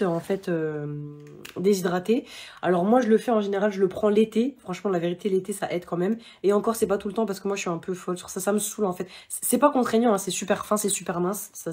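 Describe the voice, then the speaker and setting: A woman's voice: mid-range voice, warm tone, husky. A young woman chatting to camera, giving running tips with lots of fillers and restarts. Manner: chatty, many fillers and restarts, addresses viewers directly. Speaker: vlogger giving running advice. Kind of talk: casual talk to camera.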